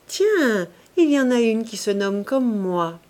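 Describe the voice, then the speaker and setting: A woman's voice: on the high side, very animated, slow pace, darkish tone. A woman reading the part of a teasing, restless young society woman in an audiobook, in a lilting voice.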